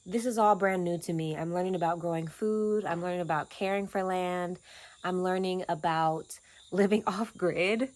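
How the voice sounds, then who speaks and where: A woman in her twenties from Atlanta talks in a casual, earnest, reflective vlog about the off-grid cabin where she lives, speaking in short, unhurried phrases. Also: fairly low pitch. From Atlanta, Georgia, USA. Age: 20s. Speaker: vlogger and land steward. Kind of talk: casual personal vlog talk.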